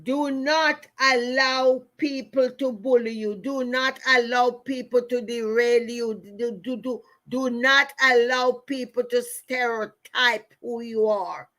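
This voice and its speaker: A middle-aged Jamaican woman hosts a motivational talk full of personal stories, speaking very slowly in a fairly high, fairly bright voice with mostly even intonation. She stresses her points forcefully, repeats key phrases, and talks straight to her listeners.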